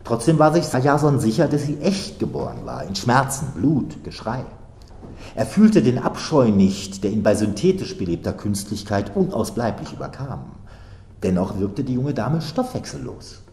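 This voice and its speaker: A man, an author, gives an expressive reading of his own fiction with deliberate phrasing, live in a literature house hall. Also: mid-range voice, vocal fry, slight background noise.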